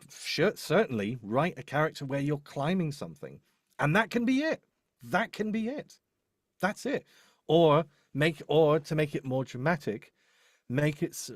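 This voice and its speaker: A voice-over demo producer and host offers casual professional advice in a live discussion, often correcting himself and repeating phrases. His medium-pitched voice is recorded dry with studio quality.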